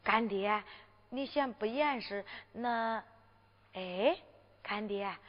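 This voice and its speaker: A woman playing a bold, cheeky young village girl with a Henan accent, full of hesitant drawn-out interjections, in a Henan zhuizi storytelling performance. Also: mid-range voice, voice pushed down. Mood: cheeky, coaxing. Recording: dull lo-fi recording with long reverb.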